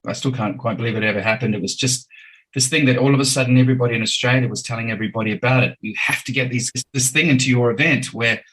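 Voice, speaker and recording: Brief: New man, fifties, chatty and enthusiastic interview guest, mid-pitched voice. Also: fast, a bit bright, low-quality recording. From New Zealand. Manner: chatty, enthusiastic, filler-laden. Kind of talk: casual interview storytelling.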